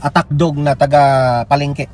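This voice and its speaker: A man's voice: on the high side, flat delivery, measured pace, a little mellow, faint music behind. A Filipino man giving heated, mocking political commentary as a news vlogger, urging viewers to like and share. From Philippines.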